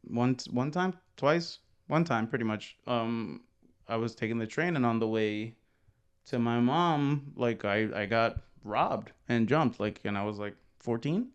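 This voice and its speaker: Young man podcast co-host, smooth mid voice, hesitant casual talk. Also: medium pitch, a little slow, muffled recording. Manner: rambling, hesitant, many fillers, laughs often. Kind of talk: casual conversation.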